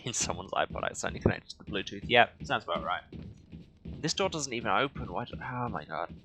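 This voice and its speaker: A let's play streamer offers casual, wry game commentary peppered with sarcastic asides. His lowish voice is lively and brisk, and video game sounds come through clearly behind him.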